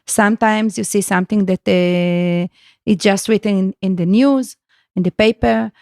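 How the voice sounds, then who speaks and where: A woman guest with a gravelly, creaky edge to her voice. She speaks haltingly, groping for words and starting her sentences over. The recording is dry and close. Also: mid-range voice, fairly even intonation, a little mellow, no echo. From Israel. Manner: halting, searches for words, many restarts. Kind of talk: conversational podcast interview.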